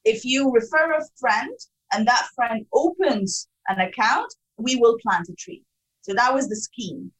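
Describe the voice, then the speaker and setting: A woman's voice: on the high side, animated, a little slow, husky, rough recording. A woman from Sudan, a guest researcher, explaining her findings emphatically in a podcast interview.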